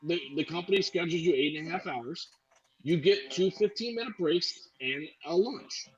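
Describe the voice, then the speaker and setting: A man's voice: on the high side, normal speed, muffled recording. A man co-hosting a casual talk radio show, telling a long story with many restarts and filler sounds. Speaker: podcast co-host.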